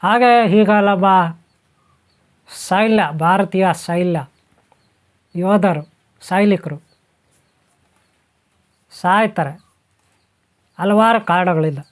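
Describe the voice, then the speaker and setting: Man, high voice, spiritual talk, repetitive, rhetorical questions. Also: slow pace, pauses often. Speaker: spiritual teacher. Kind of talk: spoken talk on spiritual topics.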